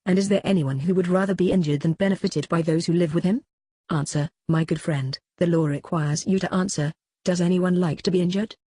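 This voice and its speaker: A reader voicing an aged philosopher on trial, cross-examining his accuser in a measured, questioning way in a dramatic reading. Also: mid-range voice, steady tone, warm tone, breathy edge, natural voice. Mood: probing. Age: older. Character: aged male philosopher on trial, probing, ironic. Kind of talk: dramatic reading of a classical dialogue.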